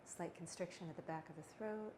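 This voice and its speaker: A woman teaching a breathing exercise in a gentle, unhurried, conversational way, with pauses. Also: fairly low pitch. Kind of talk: guided breathing instruction, casual and conversational. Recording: clearly noisy background ambience.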